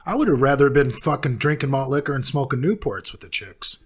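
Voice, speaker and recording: A man's voice: mid-range voice, very animated, fairly quick, a loud crowd. A man trading crude, laughing banter as a guest on a casual podcast.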